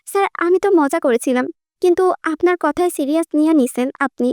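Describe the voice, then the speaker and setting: A woman's voice: high-pitched, brisk, darkish tone, dry recording, studio quality, natural voice. A woman voicing a joking rickshaw puller man. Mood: teasing. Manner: teasing, folksy. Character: joking working-class male rickshaw puller.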